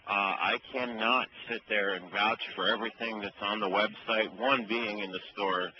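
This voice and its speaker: A man with a fairly low voice gives customer-service explanations by phone. He is matter-of-fact and instructive, and the line is dull with some faint noise. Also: steady tone, normal speed. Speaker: electronics store employee. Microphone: telephone.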